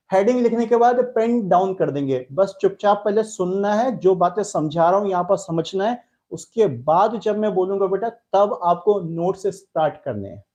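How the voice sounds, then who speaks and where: A male chemistry teacher with an Indian accent teaches a live online class. He speaks in a mellow, warm tone and talks to students in a fatherly way as he answers their chat messages. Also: sits high.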